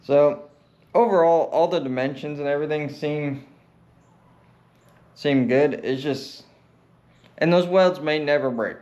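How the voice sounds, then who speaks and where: A man's voice: on the high side, a little mellow, highs cut off. A man talking casually and plainly as a DIY mechanic showing his work, unscripted and laid-back. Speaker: DIY truck mechanic vlogger and welder. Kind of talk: casual, unscripted vlog talk.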